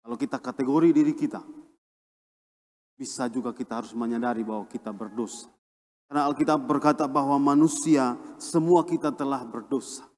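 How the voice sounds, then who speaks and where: A man's voice: medium pitch, brisk, darkish tone. Indonesian man preaching in a church hall. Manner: preaching with emphatic swings between raised and dropped voice. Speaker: pastor. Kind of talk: sermon.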